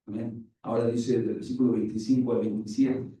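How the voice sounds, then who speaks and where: A man preaching a sermon as pastor, retelling scripture with lively acted-out dialogue. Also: mid-range voice, brisk. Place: church. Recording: very echoey church hall, distant mic.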